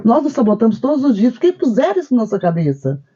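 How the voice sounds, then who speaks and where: Over dull audio, a woman with a dark, breathy-edged tone talks at a quick pace with big pitch swings. She co-hosts a spiritist discussion show, making her points emphatically and telling stories that include quoted dialogue.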